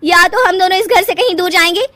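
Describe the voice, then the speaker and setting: A woman voicing a spoiled young wife in a cartoon story, shrill and demanding. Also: expressive, moderate pace, dry recording.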